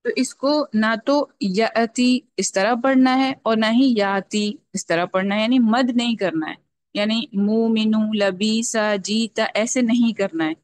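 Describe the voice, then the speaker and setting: A woman teaching a Quran recitation class, explaining patiently step by step and slowly drawing out sounds to demonstrate them. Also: fairly high pitch, darkish tone. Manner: checks in often with a repeated "okay". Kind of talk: online tajweed lesson.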